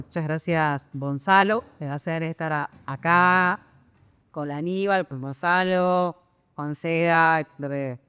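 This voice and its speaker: A woman speaks as a law professor on a conference panel, in a measured way. Her voice is smooth and fairly low. A long reverb from the hall surrounds her words. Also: fairly bright tone. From Argentina. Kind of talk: panel remarks.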